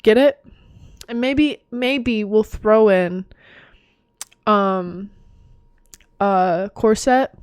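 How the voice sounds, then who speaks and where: A woman's voice: medium pitch, extremely slow, long pauses, smooth, dry recording, clean studio sound. A tired young woman chatting casually through a quiz, giggly and self-mocking. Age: young adult. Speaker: vlogger. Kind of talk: casual chat doing a quiz.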